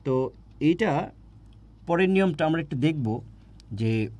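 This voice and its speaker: A man's voice: a little high, expressive, unhurried, a little mellow. A man teaching a grammar lesson for exam preparation, repeating points and often checking with "right?". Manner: repetitive, asks students "right?" often.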